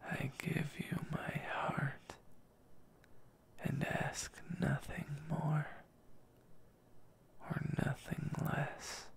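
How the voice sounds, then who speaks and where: A man performs a whispered role-play as a tender, devoted boyfriend reading a love letter. His breathy whisper is extremely slow and heavily crackling with fry. The delivery stays very even from line to line. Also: fairly high pitch. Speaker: ASMR boyfriend role-player.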